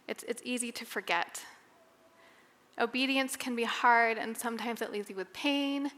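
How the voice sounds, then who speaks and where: A young adult woman giving a candid personal testimony at a women's Bible study, talking conversationally with fillers and pauses. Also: on the high side, bright, forceful tone, big-room sound. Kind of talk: personal testimony devotional talk.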